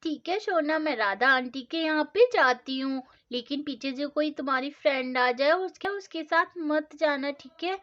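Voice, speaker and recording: Loud scolding mom, high voice, muffled lo-fi sound, a woman doing her. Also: normal speed, hardly any pauses. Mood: caring. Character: strict but loving mother, scolding. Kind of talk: storybook doll-play acting. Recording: dull lo-fi sound.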